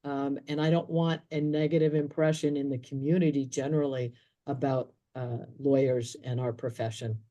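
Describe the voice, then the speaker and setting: Earnest woman attorney with a warm tone. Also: rumbling low, level tone, normal speed. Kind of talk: panel discussion remarks.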